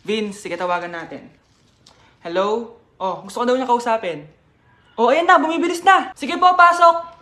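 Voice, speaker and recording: A woman performing comedy skits, voicing every character herself, from shouted scolding to soft childish lines. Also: on the high side, moderate pace, long pauses. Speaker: comedy sketch creator.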